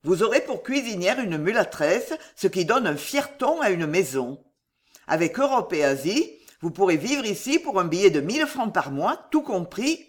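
The false priest in this classic-novel audiobook comes across as scheming, menacing, and commanding, voiced by a narrator at medium pitch with a deliberate, domineering delivery.

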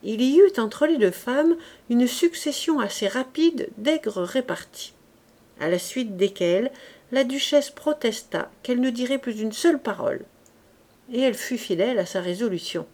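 A woman narrating a classic novel and a verse fable in a measured, even way. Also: a little high. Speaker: audiobook reader.

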